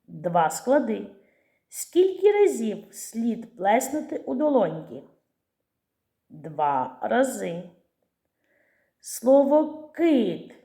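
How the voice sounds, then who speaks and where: Patient middle-aged woman teacher for young kids, unhurried, stretches out each syllable, pitch jumps up and down. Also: dark tone, reverberant. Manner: slow, clear syllable-by-syllable teaching with stretched emphasized words. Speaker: primary school teacher. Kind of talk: recorded lesson for young children.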